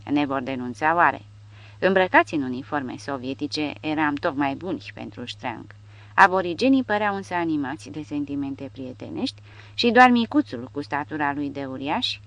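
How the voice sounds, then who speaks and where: Low, lively woman narrating. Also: no echo. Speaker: audiobook narrator. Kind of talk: scripted narration.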